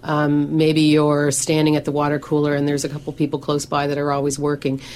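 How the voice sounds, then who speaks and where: Deep, darkish and completely flat, this middle-aged woman's voice moves briskly as she speaks on a radio show as a professional organizer and coach. Conversational and prone to restarts, she leans on "you know" a lot and mentions that her big voice carries.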